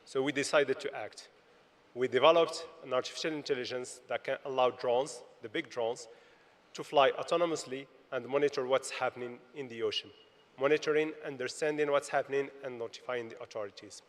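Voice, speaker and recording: A man presenting his company's technology as a panelist at a conference, measured and listing points. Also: medium pitch. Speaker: panelist, tech founder. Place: large conference hall. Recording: long hall reverb.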